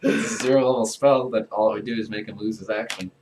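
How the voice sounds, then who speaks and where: A man's voice: fairly low pitch, steady tone, fast talker, far from the mic, background noise. A man playing a tabletop game who jokes and explains the rules to others. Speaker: player. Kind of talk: casual tabletop play.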